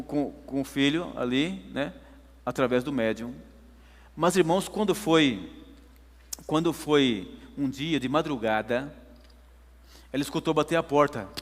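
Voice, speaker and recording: A man's voice: fairly high pitch, in a large hall. A man preaching a sermon, telling a story emphatically to his congregation. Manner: emphatic storytelling, addresses listeners as brothers.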